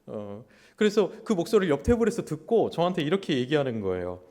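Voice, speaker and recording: A man preaching as a pastor in a church, with a naturally loud voice. He acts out quoted words in a lively way. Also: fairly high pitch, quick pace. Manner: animated, acts out God's and people's words in quotes. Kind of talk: sermon. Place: church sanctuary.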